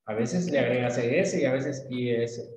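A man's voice: mid-range voice, moderate pace, darkish tone, very echoey, rough recording. A man from Latin America teaching an English lesson, explaining patiently with images and asking questions.

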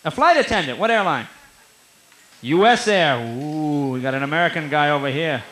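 A man in his thirties doing stand-up crowd work in a comedy club, teasing the audience with quick, animated riffs. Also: fairly high pitch. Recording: live club recording with faint room noise.

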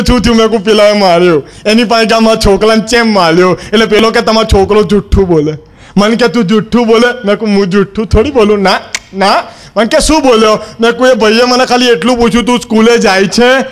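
A man performs a stand-up routine in the guise of a cheeky schoolboy, his voice sitting unusually high for a man. He tells the story with sly mischief, slipping into the voices of the people he quotes. A faint hum of background noise runs under the recording. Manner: cheeky storytelling, acting out the other people's lines. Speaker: stand-up comedian. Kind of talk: comic monologue in character as a schoolboy.

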